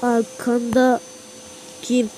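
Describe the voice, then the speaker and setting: A woman acting out a homemade toy-figure drama, jumping between squeaky and low voices with frequent gasps. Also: level tone, extremely slow, mellow, a little hiss or hum, rough recording. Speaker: amateur storyteller voicing all the characters.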